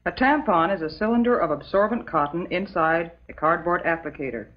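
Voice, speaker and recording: An American actress whose voice sits on the low side gives a lightly acted turn as a calm, maternal substitute teacher. Her scripted lecture from an old educational film is prim, patient, measured and instructive, and the soundtrack is dull and muffled.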